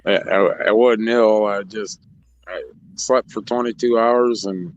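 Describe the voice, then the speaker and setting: A man's voice: lowish voice, a little slow. Laughing man with a dull lo-fi sound. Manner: laughs often, rambling with restarts. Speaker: racetrack co-host. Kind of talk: casual chat.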